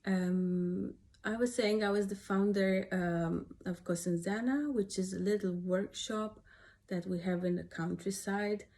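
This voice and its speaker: A woman's voice: mid-range voice, steady tone, a little slow, warm tone. Nasal-voiced Romanian woman with a cold. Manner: hesitant, with many fillers. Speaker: craft workshop founder teaching cross stitch. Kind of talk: home craft tutorial.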